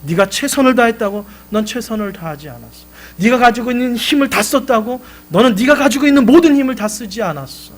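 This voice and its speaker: A man's voice: a little high, lively intonation, moderate pace, husky. A man voicing a father who advises his son and then scolds him. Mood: scolding. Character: stern, advising father of a young boy.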